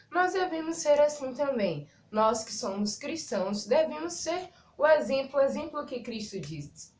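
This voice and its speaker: A young woman at home giving a chatty, animated talk for a casual devotional vlog. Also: sits high, roomy sound. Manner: chatty, animated, laughs at herself. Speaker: vlogger. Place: at home, pet bird chirping nearby.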